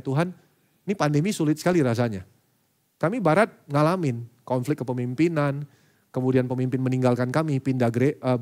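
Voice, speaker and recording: A man's voice: mid-range voice, a little mellow. A middle-aged man, a church elder, preaching a sermon in a conversational storytelling way and acting out the dialogue.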